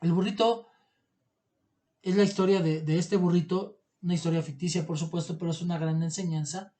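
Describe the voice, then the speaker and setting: A man reading scripture and preaching in an earnest, halting way with many restarts. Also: high-pitched, fairly even intonation, dark tone. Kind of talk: Bible reading and sermon commentary.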